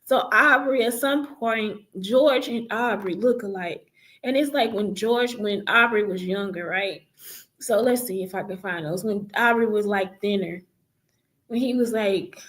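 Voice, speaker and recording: A woman vlogger recounting her life story in casual first-person talk, rambling with many fillers and self-corrections. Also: mid-range voice.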